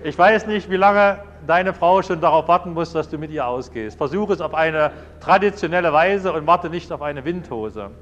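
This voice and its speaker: A man's voice: fairly high pitch, moderate pace, hardly any pauses, fairly bright tone, lo-fi sound, a little hiss or hum. A man giving a sermon, telling anecdotes and acting out little dialogues in changing voices. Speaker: preacher.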